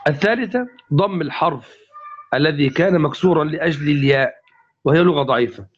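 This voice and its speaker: A man's voice: fairly high pitch, fairly quick, slight background noise. A male teacher giving a classical grammar lesson to a class, explaining step by step and repeating each example. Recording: dull lo-fi recording.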